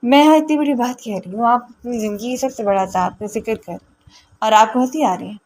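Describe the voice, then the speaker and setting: A woman's voice: on the high side, darkish tone, lightly acted. A woman reading the part of a frightened young wife who pleads and accuses through tears. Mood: accusing.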